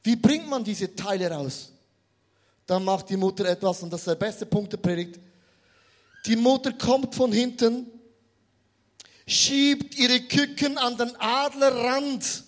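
A man with a strikingly high voice delivers a sermon. He tells the story with humor and energy, and he turns to the audience often to make his points land. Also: unhurried, long pauses. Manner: animated, humorous storytelling, addresses the audience directly. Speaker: preacher.

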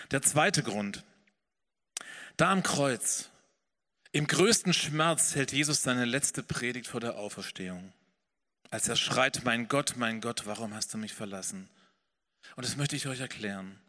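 A man preaching a sermon as pastor, earnest and swelling then dropping soft. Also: mid-range voice, in a large hall. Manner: earnest preaching, rising and falling in intensity.

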